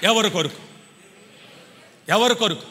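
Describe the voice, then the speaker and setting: High, bright-voiced preaching man. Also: slow, some chatter behind, slight background noise. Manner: calls on the congregation to answer louder; rhetorical questions, swings between loud cries and quiet asides. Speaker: pastor. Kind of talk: sermon. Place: church hall. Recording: long reverb of a church hall.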